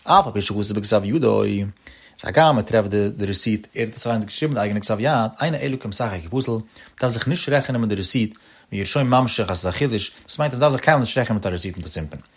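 A man teaching a text lesson in a sing-song way, his pitch swooping up and down between phrases. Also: fast talker, husky. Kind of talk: lecture.

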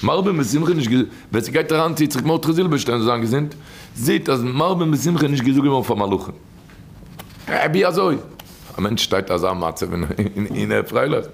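A man preaches a storytelling sermon in a rough, gravelly voice of middling pitch. He repeats his key phrases again and again, leaning on them with emphatic swings up and down. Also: fairly quick, a little hiss or hum. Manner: repetitive, emphatic, with sudden rises and drops in pitch.

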